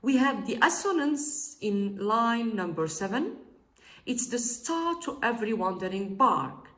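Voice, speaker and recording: Slow, lively Algerian woman teacher. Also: a little high. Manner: deliberate, explanatory, reads verse aloud slowly. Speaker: literature teacher. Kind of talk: recorded poetry lesson.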